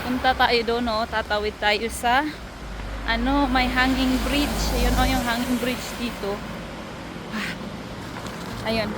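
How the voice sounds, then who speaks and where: A woman vlogging by a waterfall on her phone, excitable and giggly, exclaiming often and sounding nervous and shaky. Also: on the high side, heavy background noise. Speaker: travel vlogger. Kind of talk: casual vlog narration. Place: outdoors by a waterfall. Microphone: handheld phone. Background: rushing waterfall.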